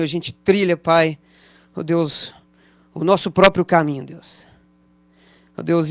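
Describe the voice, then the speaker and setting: A man's voice: a little high, no room sound. A man with a Brazilian Portuguese accent, a pastor leading a spontaneous prayer in a church service, fervently calling on God and Father between every phrase.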